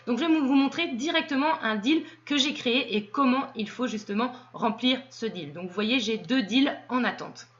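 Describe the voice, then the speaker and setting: A woman with a fairly high voice talks through a screen-recorded walkthrough, step by step. She pauses and fills gaps with hesitations as she explains. The recording sounds dull and lo-fi. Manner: hesitant, explanatory, with frequent fillers. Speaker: tutorial presenter.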